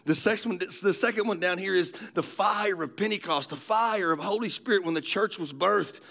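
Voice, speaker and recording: A man's voice: sits high, normal speed, gravelly, sharp tone. A man, preaching a sermon in a folksy storytelling way. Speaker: pastor.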